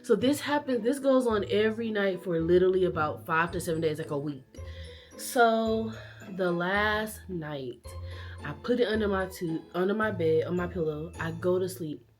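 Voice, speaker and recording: A woman vlogger casually telling a childhood story to camera, animated and acting out family members' lines. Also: fairly low pitch, moderate pace, soft background music.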